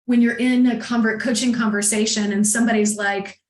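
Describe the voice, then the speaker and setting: A woman coach as a podcast guest, telling personal stories in a chatty, animated way and laughing often. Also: fairly high pitch, fairly quick. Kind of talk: casual conversation, personal storytelling. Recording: echoey room.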